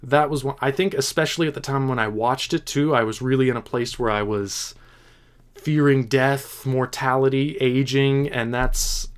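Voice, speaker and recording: Hosting an informal chat about movies, a man with a smooth mid-range voice takes questions from viewers. His replies are considered and halting, with frequent restarts, and his enthusiasm for the films shows.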